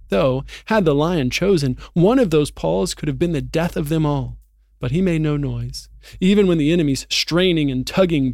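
A man reading a storybook passage aloud in an earnest, expressive way, then reflecting on it in a Bible discussion. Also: a little high, no room sound, clean studio sound.

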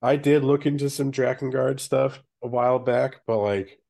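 A man with a nasal, congested voice, sick and low on energy, hosting a casual podcast with some easy swearing. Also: steady tone, normal speed, gravelly, mellow. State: sick with stuffy nose. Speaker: podcast host.

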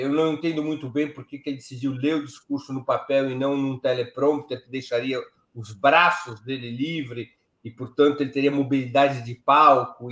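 An older man giving casual, animated political commentary, telling anecdotes with rhetorical asides. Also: medium pitch. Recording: echoey room.

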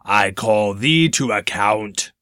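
A man's voice: fairly low pitch, expressive, slow pace, a bit bright, clear, resonant tone, no echo, studio quality. A man voicing an old-fashioned knight who speaks in formal, archaic words. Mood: declaiming. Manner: archaic, declamatory speech.

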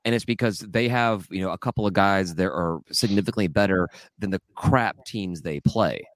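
A man co-hosting a sports podcast, telling stories in a lively, laughing way from his home setup. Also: low voice, moderate pace, dry recording. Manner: animated storyteller, laughs often, voice jumps up. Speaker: podcast co-host. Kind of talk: casual sports podcast chat. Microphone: home studio mic.

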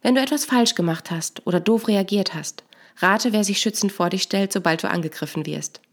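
Woman narrating a calm, explanatory story. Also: mid-range voice, brisk. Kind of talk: scripted narration.

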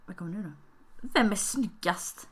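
A woman's voice: medium pitch, fairly bright tone, husky. A tipsy young woman hosting a casual podcast, giggling often and reading out questions. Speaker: podcast host. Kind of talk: casual chat.

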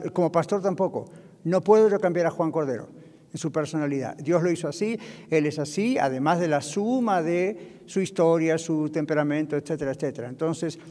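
A man with a Latin American Spanish accent preaches a sermon on marriage, his voice pitched fairly high. He talks to the congregation in a loose, conversational way and checks in with them often. His voice rings with the long reverb of a church hall. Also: mellow. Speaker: pastor.

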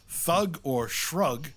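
Bright-voiced man from New York hosting. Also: on the high side. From New York City. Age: 50s. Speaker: podcast host, author. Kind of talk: casual podcast chat.

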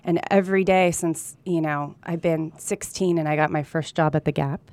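This deep-voiced woman from California, who has also lived in Colombia, is a real estate agent appearing as a guest in a conversational interview. She shares personal anecdotes earnestly and candidly at a normal speed, her intonation fairly even and a little mellow.

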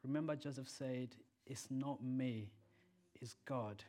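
Slow and mid-range in voice, a native Swahili-speaking man delivers a sermon and leads a prayer. His delivery moves between loud, emphatic peaks and soft, quiet lines.

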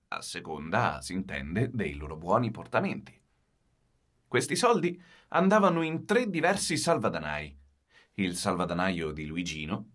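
A man reading a children's story aloud as narrator, expressive and giving the characters their own lines. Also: medium pitch.

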